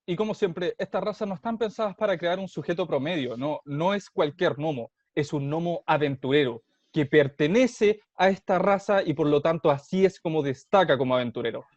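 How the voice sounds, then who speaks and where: A man from Chile, a co-host explaining a tabletop roleplaying game in a thoughtful, measured way with some hesitation. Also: fairly high pitch, a little mellow, no echo. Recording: dull, dry, muffled sound.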